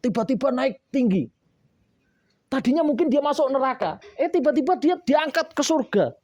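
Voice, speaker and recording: A man preaching a sermon to boarding school students, coaxing and playful, with lively asides. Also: very high voice, normal speed, lo-fi sound.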